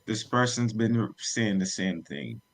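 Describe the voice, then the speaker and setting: A man hosting a talk show, reading out viewer comments in a relaxed, conversational way. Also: fairly low pitch, slow. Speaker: host.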